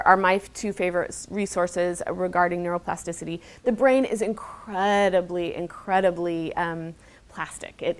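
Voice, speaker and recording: A woman's voice: lowish voice, clear, resonant tone. A woman speaking as an expert guest, earnestly answering questions and stressing key words as she rephrases. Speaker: expert guest, mental health specialist. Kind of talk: answering audience questions at a talk.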